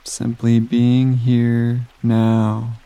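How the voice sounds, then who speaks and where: Slow, soothing man guiding sleep. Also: mid-range voice, completely flat delivery, clear, resonant tone, dry recording. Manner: slow, soft and soothing with long pauses. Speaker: meditation guide. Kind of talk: guided sleep meditation.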